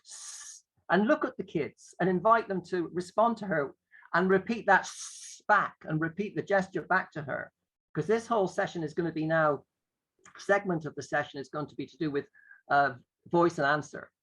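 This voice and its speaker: A man's voice: fairly high pitch, normal speed, a bit bright, rough recording. A man who teaches drama, explaining a classroom exercise in a conversational, playful way and often acting out what the teacher says. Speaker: drama educator.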